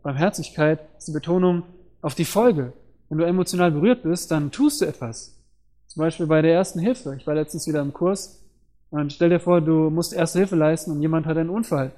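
A preacher delivers a brisk sermon in an earnest teaching tone, explaining scripture and posing rhetorical questions. His voice sits a little high for a man, with a mellow, dark tone rather than a bright one.

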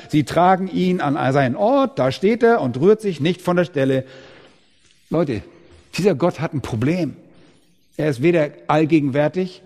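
Preaching man in a reverberant hall. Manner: dramatic, swings from loud proclamation to hushed low tones. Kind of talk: sermon. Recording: long reverb of a large hall.

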